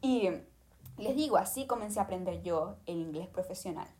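A woman's voice: lowish voice, animated, fairly quick, darkish tone. A woman talking casually and emphatically, giving listeners tips and speaking to them directly. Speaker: language tips presenter. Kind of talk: casual advice monologue.

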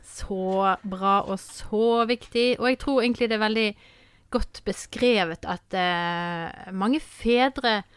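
A woman's voice: medium pitch, clean tone, no room sound. A woman hosting a podcast in casual chat, rambling and often asking "sant?". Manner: warm, rambling, repeats words and says "sant?" often. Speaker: podcast host.

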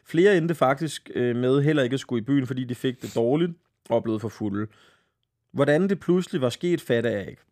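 A male podcast host with a middle-pitched voice reads a listener's night-out story. He talks loosely, swears casually and trips over words. He laughs between phrases. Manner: lively, laughing, swearing casually, stumbles while reading. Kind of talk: casual podcast chat, reading listener stories aloud.

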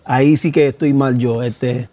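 A man with a Puerto Rican Spanish accent hosting a casual talk show interview in a studio with a live audience, lively and hyped at first, then softer and respectful. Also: medium pitch, unhurried.

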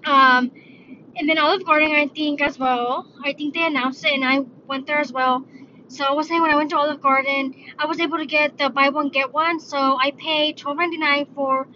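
A woman's voice: high-pitched, bright, forceful tone. A woman hosting a podcast, talking casually on her own from her car, rambling and correcting herself as she goes. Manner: rambling, self-correcting, chatty. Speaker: podcast host. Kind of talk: casual solo talk. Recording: dull lo-fi sound with faint noise.

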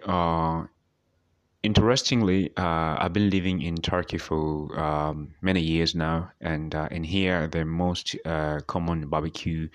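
A man from Tanzania, hosting a podcast and answering speaking-exam questions with many pauses and fillers. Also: sits low. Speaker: podcast host. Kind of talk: speaking-exam practice monologue.

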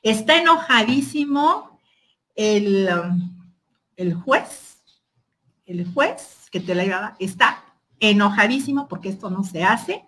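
A woman with a Mexican accent, a podcast guest telling a personal story in a casual, animated way, filling her talk with "o sea". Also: mid-range voice. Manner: animated, quotes others, frequent "o sea" fillers.

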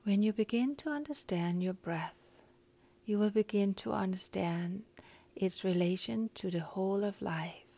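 A woman guiding a breathing meditation in a calm, soft, often whispery voice, counting breaths. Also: mid-range voice, measured pace, creaky.

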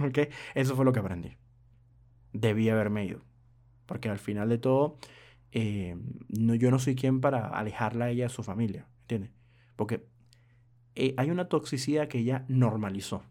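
A young man tells a story straight to his viewers, his voice mellow and warm at a mid pitch. He rambles through it with frequent hesitations and little asides to the audience. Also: moderate pace. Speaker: vlogger.

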